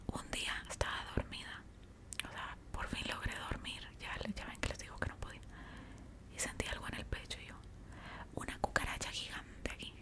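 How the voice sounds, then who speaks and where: A young woman with a Mexican accent whispers a casual ASMR storytime while chewing gum, close to a desktop microphone. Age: young adult. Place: small indoor room. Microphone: large desktop microphone up close.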